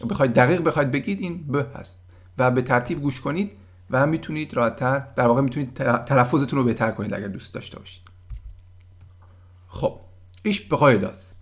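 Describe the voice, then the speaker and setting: A man giving a casual German lesson, patiently explaining words and sounding them out slowly. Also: mid-range voice. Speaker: German language teacher.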